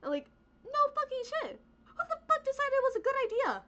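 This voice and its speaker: On a dull lo-fi recording with slight background noise, a young VTuber streamer who grew up speaking Spanish goes off on a casual, cursing rant. Her very high voice is brisk, very animated, and a bit bright, and she keeps tossing in "like" and "right?" as she rambles.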